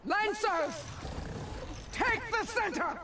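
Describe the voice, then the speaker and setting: A man's voice: very high-pitched, slow pace. A man playing a commanding officer who barks battle orders in a video game. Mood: urgent, commanding. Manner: shouting, commanding. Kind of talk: video game combat acting. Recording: distant, very noisy battle sound.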